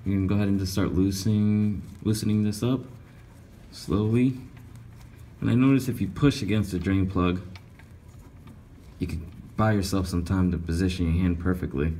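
This man, an auto mechanic, casually lays out a how-to one step at a time while working on a car in a repair shop garage. His low, mellow voice holds a steady tone at a moderate pace, broken by long pauses. Faint noise and echo fill the garage.

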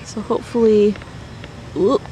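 Speaking in a steady, medium-pitched voice at a slightly slow pace, a woman vlogger walks through her backyard vegetable garden and chats about each plant as she points it out. She records on a handheld phone camera outdoors while walking, against a noisy background.

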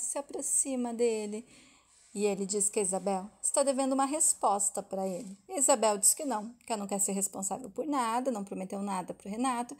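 A woman with a Brazilian Portuguese accent tells the plot of a soap opera episode in a chatty, casual way, tying scenes together with quick linking phrases. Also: on the high side, darkish tone.

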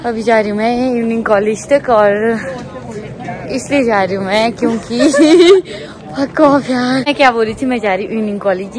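A young woman vlogs on a phone camera as she walks through a busy outdoor street. She talks loudly and chattily straight to the viewers. The chatter of a crowd fills the background. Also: mid-range voice. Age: young adult. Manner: loud, chatty, talking to camera while walking. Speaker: vlogger. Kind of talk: casual vlog chat. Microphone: handheld phone camera, no mic.

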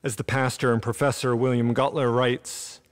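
A man in his thirties preaches a sermon at a podium mic in an empty church sanctuary. His delivery is earnest and measured, with deliberate pauses. His voice sits in an ordinary middle register. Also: medium pitch, flat delivery. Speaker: pastor. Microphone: podium gooseneck mic.

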